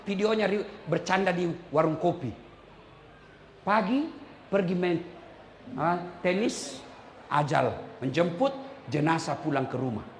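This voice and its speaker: A middle-aged man preaching a humorous sermon to a live audience, teasing and animated, jumping between loud punchlines and hushed asides. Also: a little high, a little hiss or hum. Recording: roomy echoey hall with faint ambience.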